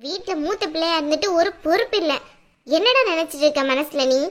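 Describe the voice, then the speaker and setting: A woman's voice: very high voice, lively intonation, a little fast, fairly bright tone, pitched below the performer's own voice. Woman doing a stern scolding older aunt. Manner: scolding, blunt, lectures the nephew. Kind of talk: family drama skit.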